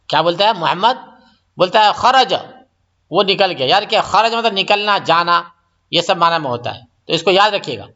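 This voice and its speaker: A man teaching an Arabic lesson, explaining each phrase and then repeating and translating it slowly. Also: sits high, animated, bright, forceful tone. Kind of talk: classroom-style language lesson. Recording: dull lo-fi recording.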